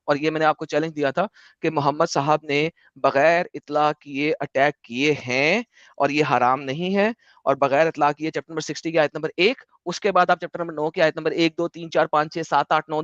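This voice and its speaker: A man hosting an online debate, lecturing forcefully and dropping English phrases into his speech. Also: a little high, no room sound, highs cut off. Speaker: debate host.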